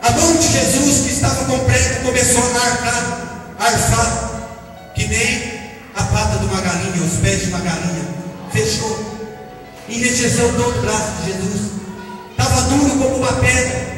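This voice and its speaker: High-voiced man preaching a fiery sermon. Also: fairly even intonation, moderate pace, long pauses. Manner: impassioned, shouting and chanting exhortations. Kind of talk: Pentecostal sermon. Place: church. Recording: echoey church hall from far off, music and crowd.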